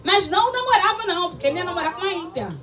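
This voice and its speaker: A woman pastor with a Brazilian Portuguese accent, preaching a lively, emphatic sermon full of personal stories. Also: very high voice, very fast, a crowd in the background. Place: church service. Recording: distant mic with faint room ambience.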